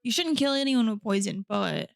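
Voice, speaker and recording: Creaky-voiced woman telling a true crime story. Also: on the high side, lively intonation, moderate pace, dry recording. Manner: chatty, with blunt profane asides. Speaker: podcast host.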